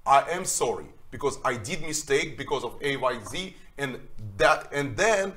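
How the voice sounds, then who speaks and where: A man's voice: mid-range voice, animated, moderate pace, pushed and bright. A man from Russia, speaking earnestly and emphatically on a panel as a documentary filmmaker, with broken grammar. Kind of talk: panel discussion.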